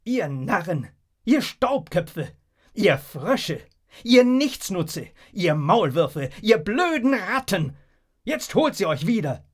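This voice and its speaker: A man doing a high, jeering trickster. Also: wildly swooping pitch, takes it slowly, few pauses, heavily acted. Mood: taunting. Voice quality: high, clear voice. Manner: taunting, shouted insults, cackling. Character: mocking, rude male trickster addressing a crowd.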